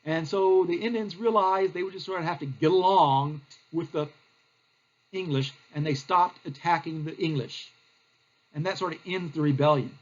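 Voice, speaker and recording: A man's voice: a little high, moderate pace, muffled recording. A male teacher, giving a recorded history lecture in a plain, explanatory way with frequent fillers.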